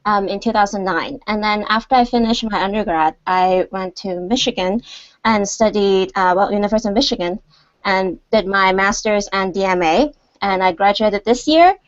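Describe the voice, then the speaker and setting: A woman from Hong Kong, a guest on a video call panel, who speaks carefully and hesitantly, with many pauses. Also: medium pitch, no room sound. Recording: dry, muffled video call audio.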